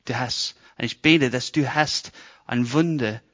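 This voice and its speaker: British man, English accent, non-native German, animated sermon storyteller with a bright tone, slightly muffled recording. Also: medium pitch, unhurried. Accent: English-speaking. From Britain. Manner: animated storytelling, acts out voices, broken German. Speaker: preacher.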